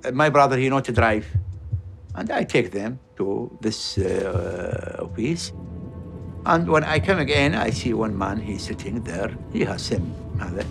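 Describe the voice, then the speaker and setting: Gravelly animated man. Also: lowish voice, unhurried, soft background music. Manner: animated broken English. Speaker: interviewee. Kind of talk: documentary interview.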